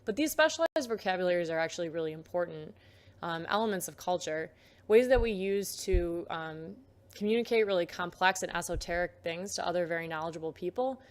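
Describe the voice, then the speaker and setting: A young woman giving a recorded lecture, explaining terms patiently with frequent filler words. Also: fairly low pitch.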